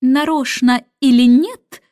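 A woman's voice: sits high, takes it slowly, mellow, dry recording, studio quality. A woman doing stern, haughty Mary Poppins. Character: Mary Poppins, prim strict haughty nanny.

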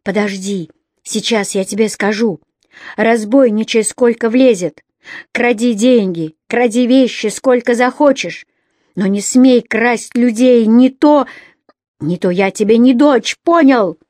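A woman reading a storybook, voicing a fiery young girl, a robber's daughter, shouting defiantly in a shrill voice. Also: flat delivery, a little slow, breathy edge, no echo, studio quality. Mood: enraged.

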